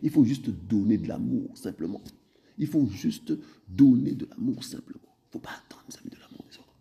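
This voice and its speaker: A man preaching a sermon, repeatedly addressing his listeners and shifting between full-voiced phrases and hushed, whispered ones. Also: medium pitch, animated, moderate pace, creaky.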